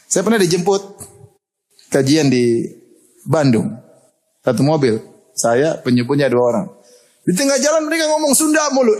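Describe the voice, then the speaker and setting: Guy preaching, husky voice kinda high, tells stories and laughs a lot. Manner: animated storytelling, laughs often. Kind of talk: lively sermon.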